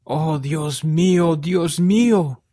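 A man's voice: mid-range voice, animated, a little mellow, husky, no room sound, studio quality, pitched above the performer's own voice. Anguished remorseful young husband in an audio story, raised and strained, voiced by a male narrator. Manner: crying out in despair, slow pleading.

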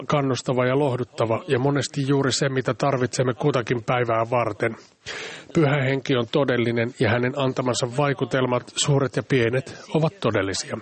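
A man reading a sermon aloud in a calm, measured way, now and then stumbling over a word. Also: mid-range voice. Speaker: church speaker.

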